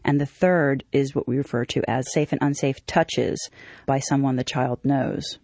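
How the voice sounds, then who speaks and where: Earnest low-voiced woman explaining child safety. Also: fairly even intonation, a little slow, darkish tone, no echo. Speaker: child safety program director, guest. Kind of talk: interview answers.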